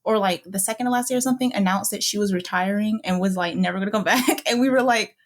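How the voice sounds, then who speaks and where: A woman's voice: mid-range voice, quick pace. A young woman co-hosting a podcast, a chatty storyteller with a teasing manner in casual talk. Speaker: podcast co-host. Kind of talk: casual chat.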